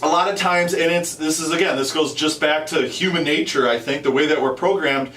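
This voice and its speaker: A man's voice: a little high, a little fast, fairly bright tone. A man hosting an instructional video in an informal, conversational way, often repeating and rephrasing himself as he explains. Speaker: host and instructor. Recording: roomy echo, distant from the mic.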